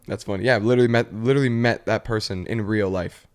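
A man hosting a comedy podcast, telling a story with animated energy, using "like" and "literally" constantly and laughing often. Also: on the low side, fast talker. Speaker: podcast host. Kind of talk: casual comedy podcast chat.

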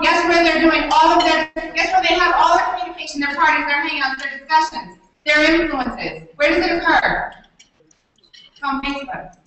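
High bright woman speaker in echoey hall. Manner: animated, asks the audience questions, acts out quoted voices. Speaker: keynote speaker. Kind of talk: motivational keynote speech. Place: conference room. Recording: very echoey hall, voice from far off, faint noise.

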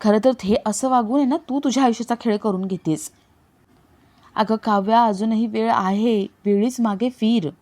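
A woman reading a young man's lines in a serial recap, earnest and urging calm. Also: fairly high pitch, normal speed, natural voice. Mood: stern. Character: young man pleading, then coldly denying love. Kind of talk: dramatic read-aloud of serial dialogue.

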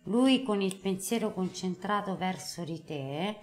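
A woman's voice: medium pitch, animated, measured pace, soft background music. A middle-aged woman hosting a live call-in card reading, emphatic and affectionate, using endearments. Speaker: host, tarot card reader. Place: TV studio. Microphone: lapel mic.

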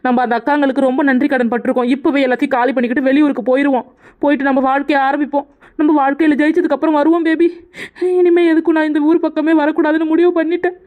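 A woman's voice: high-pitched, flat delivery, racing, phone-quality sound, natural voice. A woman voicing a pregnant young wife in a cartoon, consoling her husband and firm. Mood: determined. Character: pregnant young wife, wounded but determined.

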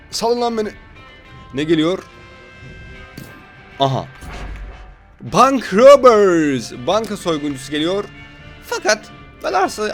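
A sleep-deprived gaming YouTuber with a high-sitting voice gives casual, playful gameplay commentary, joking with his viewers.

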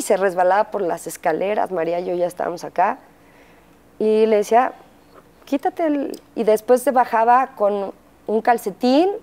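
A middle-aged woman with a Mexican accent telling her story as an interview guest, pausing often with fillers and acting out quotes. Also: mid-range voice, darkish tone. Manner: halting, frequent fillers, acts out quotes. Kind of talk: candid interview testimony.

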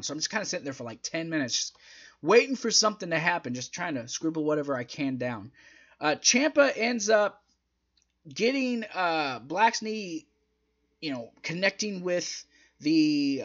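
This young adult wrestling reviewer has a fairly high-pitched, slightly bright voice and shares casual, opinionated thoughts in an emphatic, conversational manner, his throat a little strained. The recording, from a close desk mic in a small indoor home room, has its high frequencies cut off.

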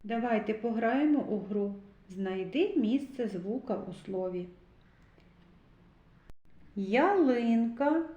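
A woman gives a reading lesson to small children, stretching out every sound. Her voice sits a little high and her pace is extremely slow. The room is echoey, and the recording sounds dull and lo-fi. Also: warm tone. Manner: slow, deliberate, stretched syllables. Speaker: teacher.

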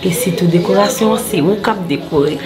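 An actress playing a churchwoman who thanks her friends in a warm, thankful way. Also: on the low side, moderate pace, loud music behind the voice, close to an everyday voice. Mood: grateful. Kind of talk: amateur drama acting.

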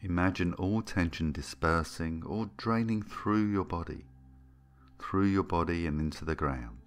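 Over music playing softly beneath him, a very low-voiced man leads a guided meditation. His delivery is gentle, soothing and unhurried, with long gaps between phrases.

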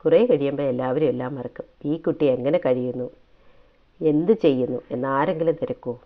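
A man's voice: mid-range voice, fairly even intonation, a little fast. Man narrating a story over tinny audio. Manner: emotive, reflective narration.

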